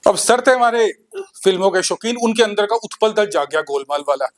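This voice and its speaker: A man's voice: high-pitched, expressive, fairly quick. A man in his fifties telling conversational stand-up comedy anecdotes on stage into a handheld mic.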